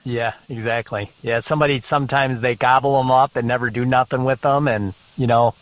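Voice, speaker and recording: A man's voice: medium pitch, steady tone, fairly quick, no echo, highs cut off. A man hosting a casual interview podcast, replying to his guest with short, encouraging remarks. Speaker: podcast host.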